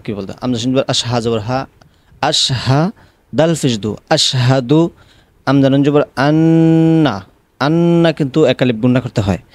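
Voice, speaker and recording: Male azan teacher, smooth clear voice. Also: mid-range voice, darkish tone, no room sound. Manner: explains letter by letter, then chants the call in long drawn-out melodic phrases. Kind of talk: recitation lesson.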